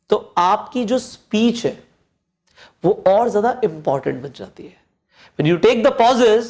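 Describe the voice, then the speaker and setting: Man coaching with dramatic pauses. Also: darkish tone. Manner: deliberate pauses and swings in pitch to show modulation; repeats phrases for emphasis, addresses listener directly. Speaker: presentation skills teacher. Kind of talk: coaching lesson mixing Hindi and English.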